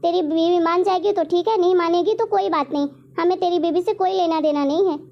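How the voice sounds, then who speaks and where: A woman's voice: fairly quick, highs cut off. A woman voicing a harsh, scolding middle-aged mother-in-law in a cartoon story. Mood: contemptuous. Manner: scolding, bossy, shrill.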